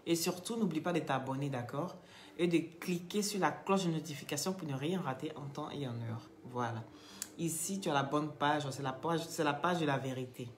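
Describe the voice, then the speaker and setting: A woman's voice: low voice, normal speed, roomy sound, slight background noise. A woman hosting a live gossip stream, calling out viewers by name and repeating phrases. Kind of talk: Facebook live gossip commentary.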